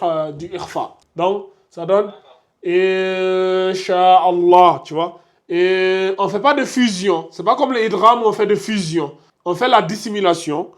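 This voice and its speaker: A man teaching a class in a classroom, patiently repeating examples and drawing out each sound as he demonstrates it. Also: high-pitched. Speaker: Quran recitation teacher. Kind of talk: classroom lesson. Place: classroom with a board.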